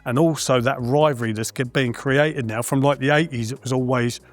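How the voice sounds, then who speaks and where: A man's voice: mid-range voice, steady tone, a little fast. A man talking as a darts guest in a casual panel discussion, frank and friendly, with plenty of "um" and "listen". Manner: frank and friendly, with many fillers and hedges. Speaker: darts guest and former player.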